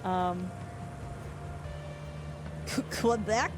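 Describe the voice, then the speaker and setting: Speaking very slowly in a fairly low voice, a Canadian woman chats with viewers as she plays a game on stream, music running underneath. English is her first language, and her talk meanders, with restarted sentences and ready laughter.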